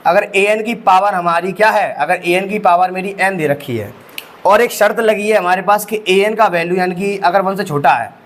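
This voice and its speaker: A man's voice: sits high, normal speed, fairly bright tone. A young man teaching maths, walking students through each step with rhetorical questions and calling them bhai sahab. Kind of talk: exam-prep lecture.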